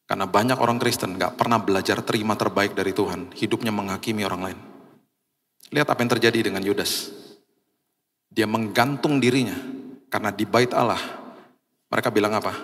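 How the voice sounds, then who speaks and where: A man's voice: lowish voice, fairly bright tone. A man preaching a sermon as a pastor, animatedly acting out the voices of people in his story. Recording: reverberant church hall.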